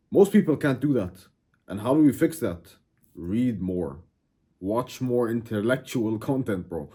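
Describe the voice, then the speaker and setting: A self-improvement YouTuber from Egypt, Arabic being his first language, chats directly to camera, casual and emphatic with a brash edge and plenty of "bro." He has a lowish, mellow, slightly rough voice.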